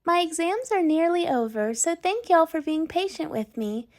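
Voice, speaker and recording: A young woman presents as the host of a commentary channel. Her voice is strikingly high and swings up and down with animation. The delivery is scripted and tongue-in-cheek. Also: expressive, normal speed, darkish tone. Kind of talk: scripted video introduction.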